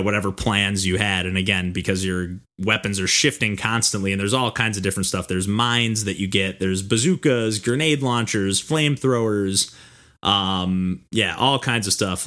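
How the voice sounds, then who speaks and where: A man's voice: on the low side, fairly bright tone. A man hosting a casual podcast, talking in a rambling way full of "like" and "you know". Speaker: podcast host. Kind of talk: casual chat about video games.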